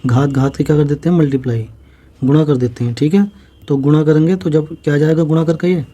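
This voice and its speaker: A man with a fairly high, warm voice and fairly even intonation runs through a maths exam-prep lesson. He explains each step slowly, goes back over it, and answers his own questions aloud.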